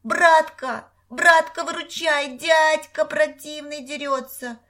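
Shrill wailing boy playing the fool, very high and loud, as a woman reader puts him on. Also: fairly even intonation, unhurried, exaggerated voice. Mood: shrieking. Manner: shrill, wailing, childish whine. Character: boy faking a shrieking simpleton.

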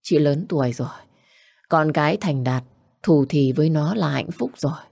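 Kind middle-aged mother, gentle and earnest, mellow tone, read by a woman. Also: sits low, animated, moderate pace, gravelly, dry recording, clean studio sound, heavily acted.

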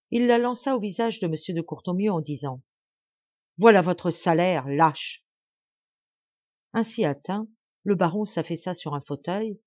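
A woman narrating an audiobook in a measured, clear storytelling manner, recorded close in a dull lo-fi home setup. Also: lowish voice, warm tone, no echo. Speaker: audiobook reader. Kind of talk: scripted narration.

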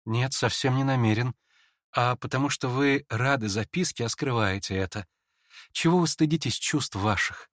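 A man voicing a meek, guileless young prince who speaks in a gentle, earnest, mildly pleading way in a dramatized audiobook. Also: mid-range voice, moderate pace, dry recording, studio quality, close to an everyday voice. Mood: gently reproachful.

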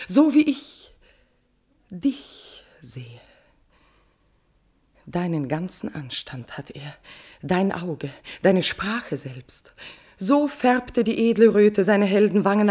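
Playing a lovesick, tormented queen in a radio verse tragedy, an actress shifts from breathy whispers to swelling outbursts as she declaims with passion. Her voice is medium-pitched and a little mellow, and the mood is one of yearning.

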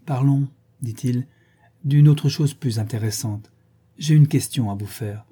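A man reading the lines of a calm, devoted young English gentleman in an audiobook, gentle and reassuring. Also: medium pitch, unhurried, husky.

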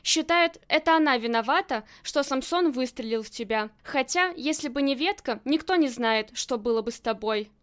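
A loving husband in an audiobook, tender with his wife and blunt with everyone else, as a woman reads him. The voice sits high and light. He barks short orders. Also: animated, moderate pace, hardly any pauses, a bit bright. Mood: insistent. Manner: tender, then gruff and commanding. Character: adoring husband, gangland boss's man.

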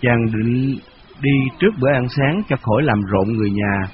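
A man reading a novel aloud in a steady, measured storytelling voice, on a dull lo-fi radio recording. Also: mid-range voice, noisy background. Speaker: narrator.

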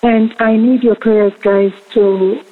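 A woman from Tanzania calls in, speaking in a polite, measured way to ask for prayer. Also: fairly high pitch, fairly even intonation. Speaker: caller. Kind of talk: phoned-in prayer request. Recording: tinny phone line.

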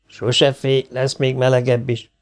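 A man's voice: medium pitch, monotone, lightly acted. A man voicing a dry, sarcastic male astronaut engineer who answers curtly in an audiobook. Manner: sardonic, curt.

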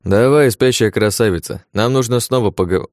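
A man voicing a weary, sardonic male dark mage who talks with dry, tired sighs. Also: on the low side, normal speed, dry recording, pitched above the performer's own voice, close to an everyday voice.

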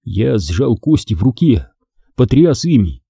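A man reading a first-person adventure story aloud in an expressive, dramatic way. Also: medium pitch, unhurried, creaky, breathy edge, no echo, clean studio sound. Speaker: audiobook narrator.

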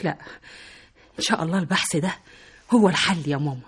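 A woman's voice: low voice, fast talker, slightly rough. An actress with an Egyptian accent playing an earnest young woman in a radio drama, a devoted daughter and student reassuring her mother. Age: young adult.

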